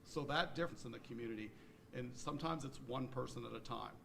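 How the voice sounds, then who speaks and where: A man's voice: mid-range voice, fast talker, creaky, fairly bright tone, a little hiss or hum. A man giving advice in a ceremony speech.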